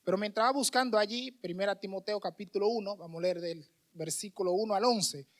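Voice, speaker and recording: A man's voice: sits high, a little fast. A man with a Dominican Spanish accent, a missionary preacher giving a conversational sermon with restarts and fillers. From Dominican Republic.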